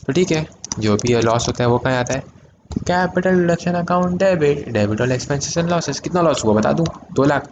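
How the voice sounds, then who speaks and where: A man teaching an accounting lesson in mixed Hindi and English, asking his students questions and answering them himself, with sudden loud emphatic bursts. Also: on the high side, animated, unhurried, highs cut off, background noise. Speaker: commerce teacher. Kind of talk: classroom-style video lesson.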